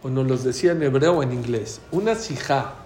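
A man with a Mexican accent telling a story in a talk, acting out the dialogue with lively changes of voice. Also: medium pitch, fast, faint music behind. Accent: Mexican Spanish. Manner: animated, acts out quoted dialogue. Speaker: speaker giving a talk. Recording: echoey room.

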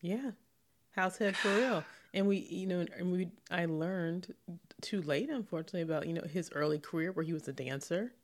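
Co-host for a chat podcast, mid-range voice with gravel, emphatic and agreeable. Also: mid-range voice, normal speed. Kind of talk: casual conversation.

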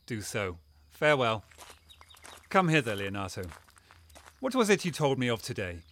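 A man's voice: medium pitch, big pitch swings, moderate pace, fairly bright tone, a little hiss or hum. An actor playing a genial prince who teases his singer and plots with his friends in courtly speech. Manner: courtly, playful, teasing. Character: genial, commanding male prince. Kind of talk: stage play performance.

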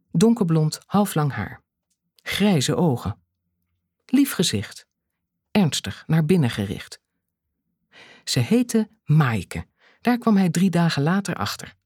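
Husky, expressive audiobook narrator. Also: medium pitch, no room sound, clean studio sound. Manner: measured, dramatic pauses. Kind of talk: scripted thriller narration.

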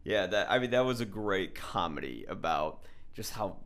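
A middle-aged American man conducts an interview in a blunt, informal, somewhat rambling way, offering his opinions casually. His voice is low and fairly bright, animated, at a moderate pace.

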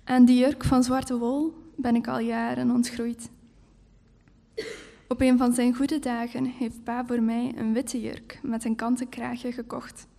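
Woman reading her story in an even, mellow voice. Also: fairly high pitch, unhurried, vocal fry. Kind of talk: live literary reading. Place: stage at a live event.

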